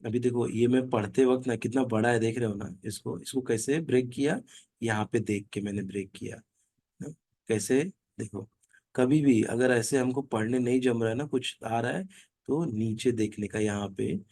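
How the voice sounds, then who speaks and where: A man leading an online reading group who chants verses slowly and then explains them in casual, conversational talk. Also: medium pitch, a little mellow, dry recording. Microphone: online video call.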